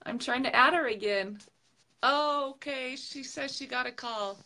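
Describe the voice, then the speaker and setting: A woman hosting a live video interview from her phone, playful and animated. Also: sits high, measured pace, slight background noise. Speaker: host. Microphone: phone on video call.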